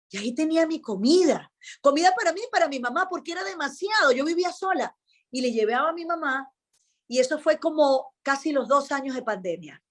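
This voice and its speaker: A Venezuelan woman, a radio host, telling her faith story in casual conversation and acting out the dialogue as she goes. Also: high voice. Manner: animated storyteller, acts out dialogue. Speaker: radio host, interview guest. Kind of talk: casual testimony chat.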